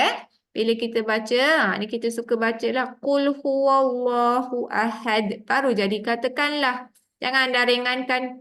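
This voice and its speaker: A woman's voice: fairly high pitch, fairly bright tone. Patient Malaysian woman teaching recitation. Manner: patient, explains step by step with demonstrations. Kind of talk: online tajweed lesson.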